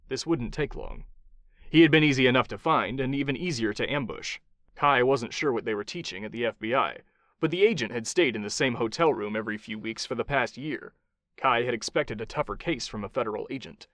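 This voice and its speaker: A man narrating a thriller audiobook in an expressive, dramatic storytelling style. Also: medium pitch, dry recording.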